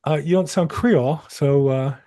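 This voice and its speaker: A man coaching real estate agents over a video call, encouraging and animated, with self-deprecating asides. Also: on the high side, moderate pace. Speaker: probate coach hosting a live call.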